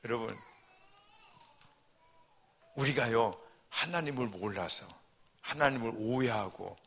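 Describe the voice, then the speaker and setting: A male pastor preaching a sermon in a church, his voice slightly hoarse, moving from quiet asides to loud, heartfelt pleading. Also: medium pitch, takes it slowly. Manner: emotional, swings from soft asides to loud fervent preaching. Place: church sanctuary. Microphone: handheld or stand mic.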